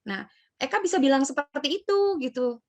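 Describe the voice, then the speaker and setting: A woman's voice: sits high, animated, a little fast. A woman hosting a casual career talk, chatting and acting out example interview answers. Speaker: host. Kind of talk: casual advice chat.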